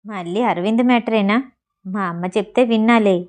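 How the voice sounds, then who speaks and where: A woman's voice: mid-range voice, a little fast, close to an everyday voice. A woman reading the lines of a teasing, protective young man in a storybook reading. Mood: casual. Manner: teasing, then sharp when annoyed.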